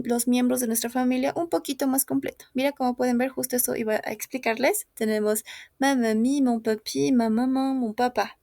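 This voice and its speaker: Gravelly-voiced woman teaching French. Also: fairly high pitch, dry recording, studio quality. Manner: patient, repeats words slowly for students. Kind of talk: online class, mixing French and Spanish.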